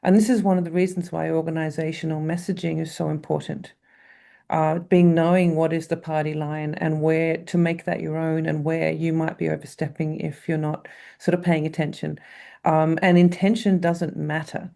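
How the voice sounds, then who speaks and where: A woman's voice: low-pitched, little pitch movement, moderate pace, creaky, mellow. A woman panelist on a video call, speaking candidly with wry humor about responsibility in communicating science.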